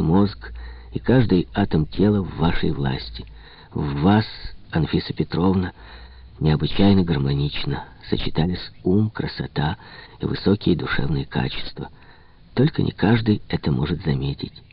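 A man's voice: low voice, a little slow, husky, no echo, full character voice. A man doing a gloomy, stammering broken man. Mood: earnest. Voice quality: muffled, hollow voice. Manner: stammering, mournful. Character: gloomy, downtrodden middle-aged man, stammering. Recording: slightly dull lo-fi recording.

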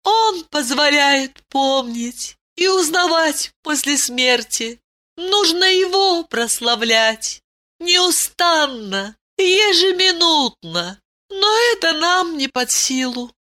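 A woman voicing an ancient princess who is stern yet tender and speaks in a high, commanding, sing-song way. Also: lively intonation, takes it slowly, bright, forceful tone, heavily acted. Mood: regal, tender.

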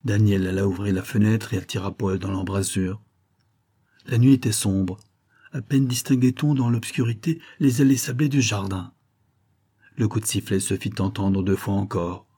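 Husky, low-voiced male narrator. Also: normal speed, warm tone. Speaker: audiobook narrator. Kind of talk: scripted narration of a classic novel.

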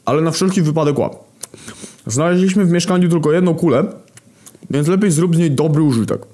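A man voicing Famine, a calm, matter-of-fact horseman. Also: on the low side, moderate pace, voice pushed up, lightly acted.

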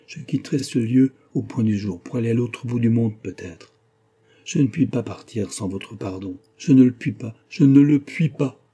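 A man voicing an anguished middle-aged gentleman in love, reading him passionately and pleadingly in an audiobook. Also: fairly low pitch, husky.

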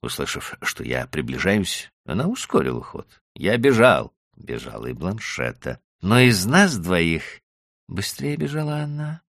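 A man's voice: low-pitched, sing-song, measured pace, a bit bright, no room sound, clean studio sound. A man narrating an audiobook in the first person, with dramatic storytelling. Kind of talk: scripted narration.

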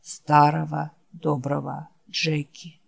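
A deep, soft, fading male werewolf, voiced by a woman reading an audiobook. He is gentle and devoted and speaks in slow, broken, simple words. His voice sits low and quiet. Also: level tone, vocal fry, breathy edge, dry recording, heavily acted. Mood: weak, tender. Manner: slow, halting, simple speech.

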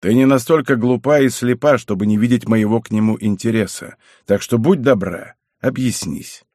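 A man voicing a stern, angry old clan head in an audiobook, speaking slowly and in clipped, pressing phrases. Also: mid-range voice, darkish tone, dry recording, clean studio sound, natural voice. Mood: threatening.

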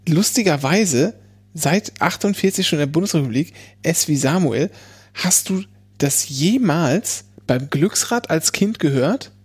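Man, fairly high pitch, casual podcast talk, hesitant, repeated restarts. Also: lively intonation, unhurried, breathy edge. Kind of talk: casual chat.

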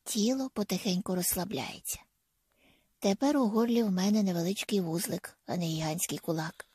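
A woman narrating a first-person audiobook in a soft, intimate manner that often drops to a half-whisper. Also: mid-range voice, moderate pace, breathy edge, dry recording, clean studio sound.

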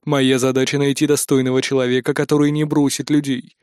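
A man's voice: level tone, a little mellow, clean tone, no room sound, clean studio sound, close to an everyday voice. A man doing a weary, cold AI. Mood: solemn. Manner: slow, low and tired. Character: weary disillusioned male AI, cold and resigned.

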